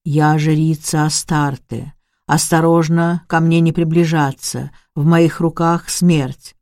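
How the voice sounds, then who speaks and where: A woman voicing an entranced young woman posing as a priestess, speaking in a slow, monotonous, menacing way in an audiobook. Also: deep voice, no echo, clean studio sound. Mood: monotone menace.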